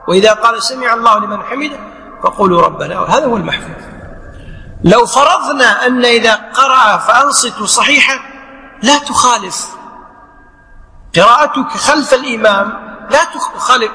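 An Islamic scholar teaches a lesson on prayer rulings, posing rhetorical questions and acting out both the imam and the worshipper. His voice is very high-pitched, pushed and bright, with echoey hall reverb.

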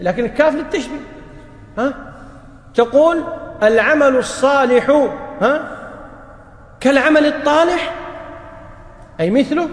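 A man teaching a religious lesson to an audience, often asking them rhetorical questions. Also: extremely high pitch. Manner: addresses the audience directly, asks rhetorical questions. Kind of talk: lecture on Quranic language. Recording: echoey hall reverb.

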